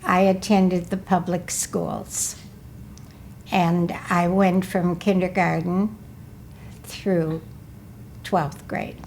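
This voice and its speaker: A woman in her eighties from Wisconsin, recalling her life in a slow, careful, measured way during an interview. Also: lowish voice, flat delivery, darkish tone, a little hiss or hum. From Milwaukee, Wisconsin. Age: 80s. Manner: slow, careful, measured recollection, often asking to repeat. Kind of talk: recorded life-story interview.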